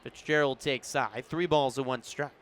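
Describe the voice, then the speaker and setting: A man calls a baseball game live on radio as the play-by-play announcer, speaking from a broadcast position at an outdoor ballpark in the evening. His mid-range voice is steady, at a moderate pace.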